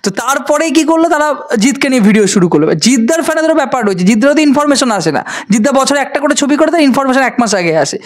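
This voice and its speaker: A man's voice: very high voice, expressive, very fast. A man, a film-review vlogger ranting sarcastically to camera and scolding his critics. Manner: sarcastic, scolding, addresses viewers directly. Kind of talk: ranting direct-to-camera vlog.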